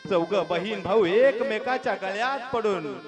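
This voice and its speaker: A high-voiced male kirtan preacher from Maharashtra narrates a saint's story with dramatic, tearful emotion. His voice sits notably high for a man. Clear devotional music plays under him throughout. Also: unhurried. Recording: sermon with devotional music behind.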